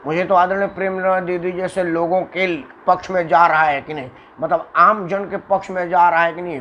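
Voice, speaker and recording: Man from uttar pradesh ranting on camera, kinda high voice, repeats himself a lot, faint hiss behind. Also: a bit bright, lo-fi sound. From Uttar Pradesh, India. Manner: emphatic, repetitive, demonstrates intonation with dramatic shifts. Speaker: political commentator. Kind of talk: monologue to camera.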